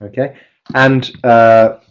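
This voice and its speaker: Over background noise and a muffled recording, a man with a medium-pitched, level voice speaks slowly. He's running a live webinar as a teacher trainer on a computer mic with webcam, explaining step by step while often restarting his sentences and stressing the example words.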